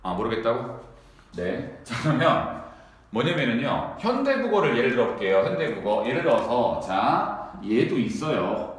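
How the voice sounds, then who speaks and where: A man teaching a lecture to students, who keeps asking them quick rhetorical questions. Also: medium pitch, sing-song. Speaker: Korean language teacher. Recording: very echoey room.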